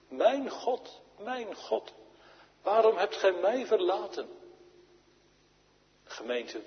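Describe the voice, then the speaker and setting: Man, pastor preaching, slow and solemn, long church reverb, muffled sound. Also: medium pitch, vocal fry. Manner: slow, solemn preaching with strong rises and falls. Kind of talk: sermon. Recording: dull, echoey church recording.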